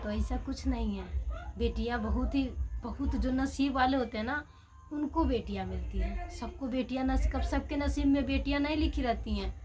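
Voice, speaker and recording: High-voiced earnest woman vlogger. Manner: earnest, heartfelt, repetitive coaxing. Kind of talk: casual talk to camera.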